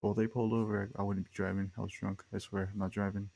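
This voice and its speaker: Laid-back young man with a gravelly low voice. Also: level tone, fast talker, darkish tone. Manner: rambling, slangy, laid-back with frequent fillers. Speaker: podcast host. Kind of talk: casual storytelling monologue.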